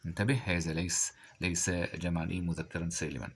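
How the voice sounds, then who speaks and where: A man teaching a grammar lesson. He reads example sentences slowly, then asks quiz questions and answers them himself. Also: low-pitched, steady tone, slightly rough.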